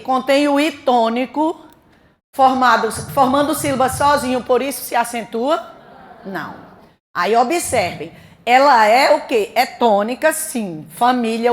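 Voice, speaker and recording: A woman with a Brazilian Portuguese accent teaching a grammar class for an exam, talking fast and quizzing her students with questions she then answers. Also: fairly high pitch.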